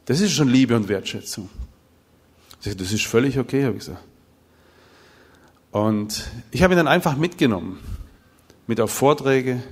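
A middle-aged man preaching and telling stories, acting out the dialogue of the people in them. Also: medium pitch. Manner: animated storytelling, acting out dialogue. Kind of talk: sermon with told stories. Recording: hall with long reverb.

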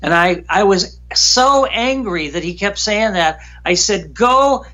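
A man guest recounting a frightening personal story in an emotional, halting way, often repeating himself. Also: high-pitched, lively intonation, bright, forceful tone.

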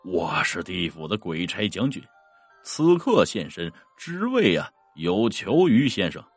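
A deep, commanding ghost general of the underworld, as a storyteller puts him on, grave and unhurried. His tone stays dry and close, with the pitch swinging widely across each sentence. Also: wildly swooping pitch, breathy edge, no echo, soft background music, exaggerated voice. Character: cold stern male ghost general from the underworld.

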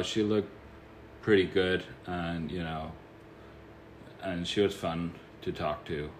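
A man co-hosting a podcast in casual chat, trading jokes and quick one-liners. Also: sits low, noisy background. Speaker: podcast co-host.

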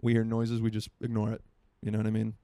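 A Florida man in his twenties hosts a solo podcast from his home near a marina, chatting casually in a rambling, self-mocking way. His voice sits on the low side, with a dark tone and a monotone, fast delivery.

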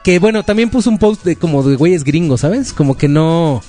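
A man's voice: on the high side, animated, brisk, mellow, faint music behind. Chatty Mexican podcast host, man. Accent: Mexican Spanish. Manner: joking, chatty slang-filled banter. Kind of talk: casual chat.

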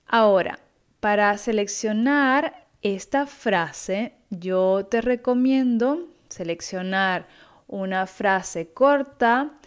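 Lady teaching spanish online, slow and careful, explains step by step. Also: medium pitch. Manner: clear, instructive, patient.

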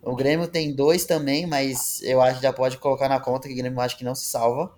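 A man speaks in a Brazilian Portuguese accent at a middling pitch. He hosts a casual football discussion. His talk is informal and slangy, like a chat among friends. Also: little pitch movement, quick pace, a little mellow, slight background noise. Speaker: football podcast host.

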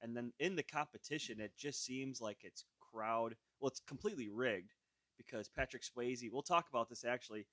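A man's voice: mid-range voice, normal speed, pushed and bright, no echo, studio quality. A man co-hosting a podcast, recapping a film in casual chat with many "like"s and stalls. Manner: recapping a film, filled with "like" and hesitations. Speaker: podcast co-host.

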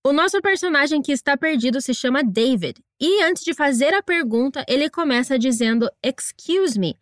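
High-voiced woman teaching English. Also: animated, no echo, studio quality. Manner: encouraging, slow deliberate pronunciation drills. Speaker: English teacher and podcast host. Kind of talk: scripted language lesson narration.

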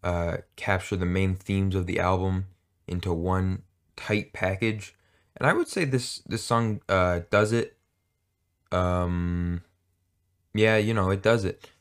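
Brief: male podcast co-host, low voice, loose rambling chat, halting delivery. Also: clear, resonant tone. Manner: rambling, hesitant, jokey. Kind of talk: casual chat.

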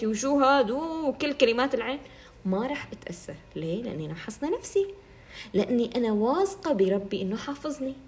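A woman giving an earnest religious self-help talk, telling stories animatedly and imitating other people. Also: a little high.

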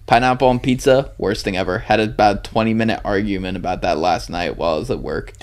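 A man's voice: lowish voice, fast. Blunt, laughing young man. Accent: Pacific Northwest. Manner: blunt, profane, laughs often. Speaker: podcast co-host. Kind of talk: casual chat.

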